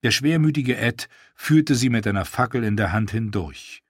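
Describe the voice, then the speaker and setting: A man calmly reading an audiobook as a narrator. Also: medium pitch, moderate pace, husky, no echo, clean studio sound. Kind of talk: scripted narration.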